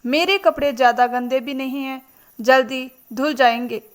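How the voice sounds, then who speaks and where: A woman's voice: high-pitched, moderate pace, natural voice. A woman voicing a petulant, complaining young daughter-in-law in a spoken storybook. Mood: grumbling. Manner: grumbling, sulky.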